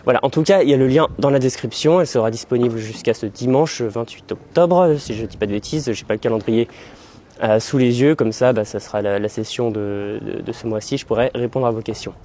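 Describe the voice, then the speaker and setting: A young man hosts a language-learning vlog, rambling loosely as he walks through city streets with a handheld camera. His voice is medium-pitched with a dark tone, his pace a little fast, and the audio carries a little hiss or hum.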